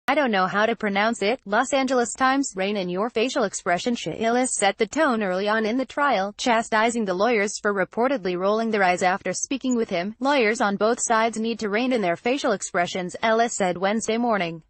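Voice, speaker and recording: A woman narrating a news roundup in a steady, scripted read-aloud delivery. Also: a little high, fairly quick, few pauses, no room sound.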